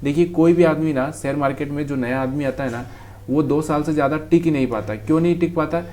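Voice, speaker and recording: Trading tutor: a man, slightly high voice, explaining charts casually and talking straight to the viewer. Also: fast, darkish tone. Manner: talks straight to the viewer, calls them brother. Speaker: trading teacher.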